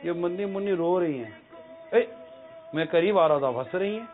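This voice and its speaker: A man gently teasing and coaxing small children in casual, affectionate talk. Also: sits high, expressive. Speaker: religious scholar talking with children. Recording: tinny phone-like sound with faint music.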